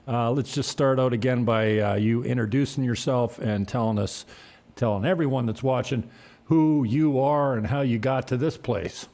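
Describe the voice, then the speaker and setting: A man's voice: mid-range voice, moderate pace, darkish tone. Joking talk-show host, a man. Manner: joking, rambling. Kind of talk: casual interview chat.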